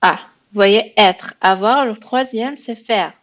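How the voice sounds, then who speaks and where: A patient woman walks learners through beginner grammar drills at an unhurried pace, musing aloud and correcting herself as she goes. Her voice sits in a middle register, heard through a slightly dull, lo-fi recording. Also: medium pitch. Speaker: French teacher. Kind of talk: beginner language lesson.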